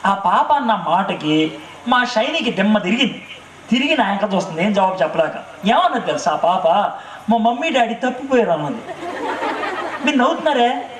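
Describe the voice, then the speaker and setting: High-voiced man preaching in an echoey hall. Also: moderate pace, distant mic, slight background noise. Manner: asks the crowd rhetorical questions, keeps checking they understood; tells a lively family story with laughter. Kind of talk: sermon. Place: stage at an evening revival meeting.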